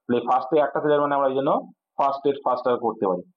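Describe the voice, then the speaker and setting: A man's voice: mid-range voice, steady tone, racing. A man teaching an exam-prep English grammar lesson. He explains step by step and asks his students questions, then answers them himself. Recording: tinny phone-like audio.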